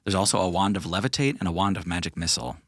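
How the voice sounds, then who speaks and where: A man narrating as game master of a tabletop game, relaxed and chatty with plenty of fillers. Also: low-pitched, very fast, slightly rough, no room sound, clean studio sound.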